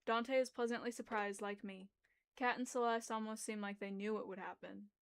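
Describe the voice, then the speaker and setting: A woman's voice: medium pitch, steady tone, normal speed, creaky, clear, resonant tone. A young adult woman who reads a story and chats on a livestream, hesitant and apologetic, speaking through a locked jaw with slightly muffled articulation. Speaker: reader and host of a livestream. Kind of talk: reading a story aloud, informal livestream chat.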